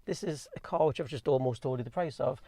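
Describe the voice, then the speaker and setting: A man with a Geordie accent rattling through a casual, rambling Q&A, talking fast with plenty of ums and restarts. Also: medium pitch, gravelly, dark tone, dry recording. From North East England. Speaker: vlogger reviewing his car. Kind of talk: casual chatty Q&A.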